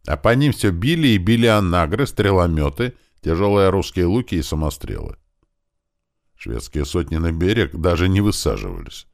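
Very deep-voiced man narrating an audiobook. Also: moderate pace, creaky. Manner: lively, shouting out the characters' battle commands.

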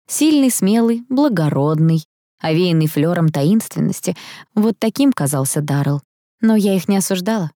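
A woman narrating a novel in the first person, with a lively, expressive reading. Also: lowish voice, normal speed, dry recording, studio quality. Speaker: audiobook narrator.

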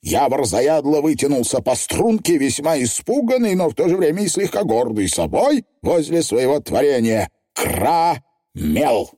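Expressive male audiobook narrator. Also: fairly high pitch, moderate pace, hardly any pauses, dry recording, studio quality. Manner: expressive storytelling. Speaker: audiobook reader.

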